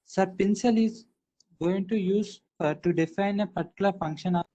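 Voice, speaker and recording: A man's voice: high voice, normal speed, warm tone, muffled recording. A man answering a teacher in an online class, hesitant and polite, his video-call audio breaking up and cutting in and out. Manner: hesitant, polite, restarting mid-sentence. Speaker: student.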